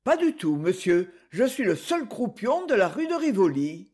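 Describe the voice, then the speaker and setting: A woman voicing a fussy, ceremonious Parisian gentleman who answers with stiff courtesy. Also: mid-range voice, big pitch swings, moderate pace, slightly rough. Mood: solemn courteous.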